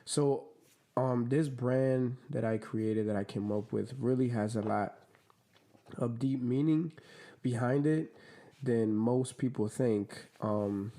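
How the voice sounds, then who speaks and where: This clothing brand owner from the Dominican Republic talks slowly in a mellow, mid-range voice. As a podcast guest in a casual interview, he keeps things relaxed and slangy, full of fillers.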